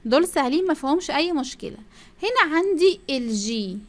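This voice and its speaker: A primary school English teacher with an Egyptian Arabic accent runs a first-grade lesson, stretching out English phrases and drilling the pupils to repeat after her. Her voice sits high, expressive and fairly quick.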